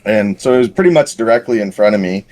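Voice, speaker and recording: A man's voice: fairly low pitch, animated, quick pace, a little mellow. A man on a podcast casually telling a long paintball story, rambling and self-deprecating with lots of fillers. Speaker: podcast co-host.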